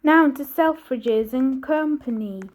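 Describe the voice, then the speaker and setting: A woman's voice: sits high, slow, a little mellow. A woman giving a casual running commentary in clipped, fragmentary remarks as a tour presenter.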